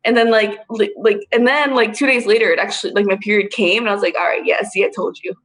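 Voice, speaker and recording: A woman co-hosting a casual chat, speaking candidly and with a lot of profanity, quick to agree and quick to sass back. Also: medium pitch, steady tone, fairly bright tone. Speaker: podcast co-host.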